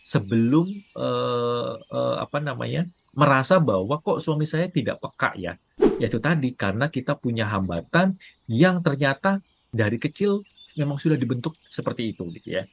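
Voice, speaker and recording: A man's voice: mid-range voice, normal speed, creaky, slight background noise. A man who is a parenting coach, talking casually and acting out quoted spouses with a raised voice. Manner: animated, acts out quoted wives with a raised voice. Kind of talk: casual talk to camera.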